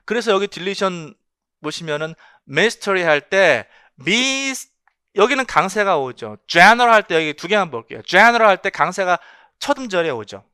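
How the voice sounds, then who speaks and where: Bright, animated male lecturer. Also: sits high, moderate pace, smooth, no room sound, clean studio sound. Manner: emphatic, asks rhetorical questions and repeats key points. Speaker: English linguistics lecturer. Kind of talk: exam-prep lecture.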